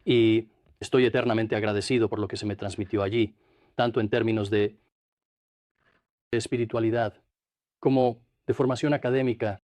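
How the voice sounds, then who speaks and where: An older man from New Jersey, a priest and interview guest, recounting his life in a measured, reflective way. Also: lowish voice, fairly even intonation, a little mellow, dry recording. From Trenton, New Jersey, USA. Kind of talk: studio interview, dubbed.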